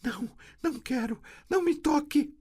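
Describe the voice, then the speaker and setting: A man's voice: very high voice, normal speed, a little mellow, pitched above the performer's own voice. A man doing a terrified young girl in trance. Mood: panicked. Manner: panicked, pleading.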